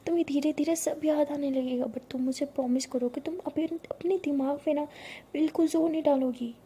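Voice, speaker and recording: A woman's voice: high voice, steady tone, fairly quick, close to an everyday voice. Woman doing a shy, scolding young girlfriend. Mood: tender. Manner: scolding, bashful, soft-spoken.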